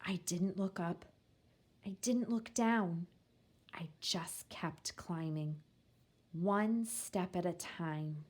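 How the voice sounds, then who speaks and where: Reading a children's picture book in the first person, a woman tells the story in a measured, expressive way. Her voice is husky and sits on the lower side.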